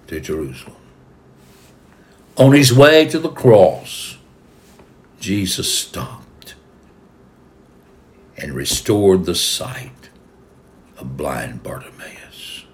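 A man preaching a sermon, retelling a gospel story slowly and dramatically, trailing off to a whisper at the ends of lines. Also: lowish voice, big pitch swings. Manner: slow and dramatic, dropping to a whisper at line ends.

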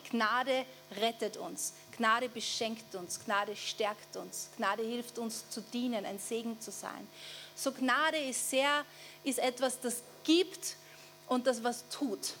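With an Austrian German accent, a woman pastor gives a chatty sermon, often checking for the audience's agreement and drawing out key phrases for emphasis. Her voice is on the high side and a bit bright; a faint mains hum can be heard.

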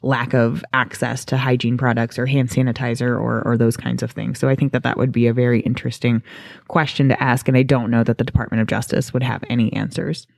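A woman co-hosts a podcast in a relaxed, joking way, her voice carrying plenty of gravelly fry. She sits close to the mic, and the sound is dry, with no room echo. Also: a bass voice, a little fast. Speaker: podcast co-host. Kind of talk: casual chat.

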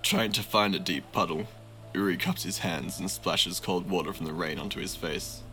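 Deep guy narrating a fantasy game, bright crisp tone, slow and measured. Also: soft background music. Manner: slow, measured, vivid storytelling. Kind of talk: dramatic story narration.

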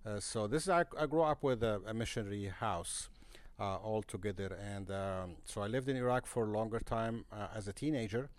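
A man's voice: fairly low pitch, no echo. A man from Egypt, a guest in a podcast interview, speaking earnestly and restarting his phrases often. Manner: earnest, halting with frequent restarts. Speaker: guest, missionary broadcaster. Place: conference center.

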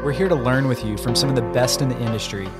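A man's voice: mid-range voice, fast talker, loud music behind the voice. An American man co-hosting a podcast in an informal, enthusiastic and conversational way. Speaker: podcast co-host.

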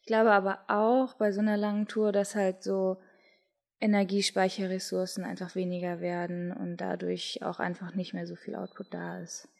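A young German-speaking woman in casual conversation, telling a race story in a relaxed way with frequent fillers. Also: mid-range voice, normal speed, creaky. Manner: relaxed, thinking aloud with fillers. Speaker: podcast co-host, triathlete.

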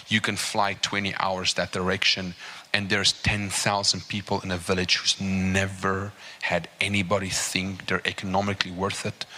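Guest preacher, male, low-pitched voice with a sharp, forceful edge, emphatic sermon delivery. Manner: emphatic, repeats "right?" and "okay?"; grows higher and more animated as he builds. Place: church service.

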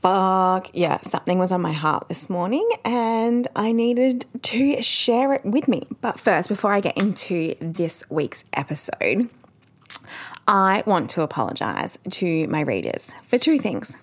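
A woman's voice: medium pitch, lively intonation, unhurried. A woman, hosting a podcast in a candid, chatty monologue full of ums. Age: 30s. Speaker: podcast host.

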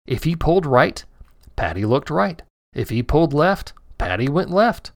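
A man narrating a children's story in a gentle, expressive storytelling manner. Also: on the high side, normal speed, gravelly, no echo, clean studio sound.

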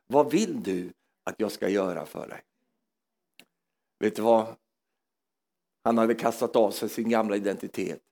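A man preaching a charismatic sermon in a church, swinging between loud exclamations and hushed asides, often repeating words as he goes. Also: lowish voice.

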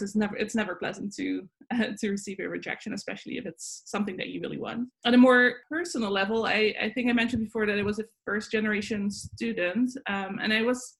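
Woman in her 40s, Dutch accent, podcast guest, reflective and halting, mid pitch. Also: fairly bright tone. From Netherlands. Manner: thoughtful, many fillers and restarts. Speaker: guest, psychology professor. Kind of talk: interview answers.

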